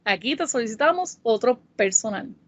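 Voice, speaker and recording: A woman's voice: a little high, animated. Woman tutor reading a grammar lesson. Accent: Puerto Rican Spanish. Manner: careful, explanatory, reads example sentences slowly. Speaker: Spanish tutor. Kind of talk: scripted lesson narration. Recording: dull, dry voice-over.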